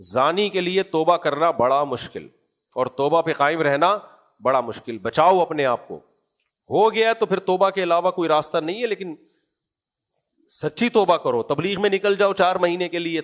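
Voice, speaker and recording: A man with a Pakistani Urdu accent giving a Quran commentary lecture, asking rhetorical questions and answering them himself. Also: on the high side. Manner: acts out casual scolding in asides. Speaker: preacher.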